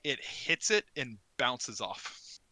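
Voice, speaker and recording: A man's voice: medium pitch, big pitch swings, takes it slowly, sharp tone, no echo. A man running a tabletop game as game master, narrating casually and laughing often.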